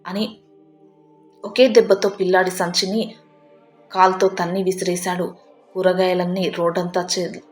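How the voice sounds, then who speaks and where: Earnest female storyteller with a low voice, reading a scripted moral tale over soft music. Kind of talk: scripted first-person moral story narration. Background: faint background music.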